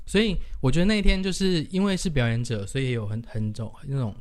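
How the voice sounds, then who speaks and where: A man's voice: medium pitch, quick pace. A man with a Taiwanese Mandarin accent, co-hosting a podcast and chatting casually, with enthusiastic reactions. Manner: enthusiastic, reacts with loud exclamations. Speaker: podcast co-host. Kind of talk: casual chat.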